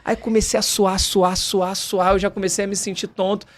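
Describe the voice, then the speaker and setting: A young man from Brazil, telling a story on a podcast in a casual, animated way and acting out the people he quotes. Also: normal speed. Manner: animated, acts out quoted voices in high and low pitches. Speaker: podcast guest.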